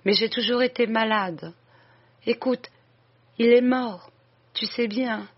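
A reader voicing an old dying woman who confesses to her sister, breathless, halting and imploring. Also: mid-range voice, pitched above the performer's own voice. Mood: anguished. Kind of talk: audiobook reading. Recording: dull lo-fi recording.

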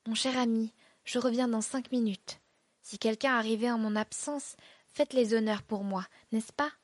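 A woman's voice: a little high, steady tone, normal speed, no room sound, lightly acted. A woman reading aloud, voicing a young male artist who soothes and coaxes. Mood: coaxing. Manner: soothing, coaxing.

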